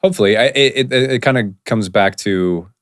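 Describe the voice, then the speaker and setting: A low-pitched man hosting a podcast, talking casually and rambling through stories with plenty of fillers and restarts. The sound is dry and close, with no room echo. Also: moderate pace, smooth. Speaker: podcast host. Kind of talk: casual conversation.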